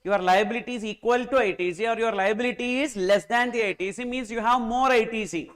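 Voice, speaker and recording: A man's voice: very high-pitched, fast talker, fairly bright tone, smooth. A man with a Tamil accent teaching an exam class, repeating key phrases and often checking in with short questions. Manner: repetitive, rhetorical questions with check-ins. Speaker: accountancy teacher. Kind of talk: exam-oriented classroom lecture.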